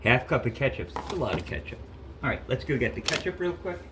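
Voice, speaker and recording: A chatty home cook in his 50s with a stuffy cold rambles through a casual cooking vlog in his kitchen, correcting himself as he goes. He talks fast and very animatedly in a mid-range voice, against a noisy background.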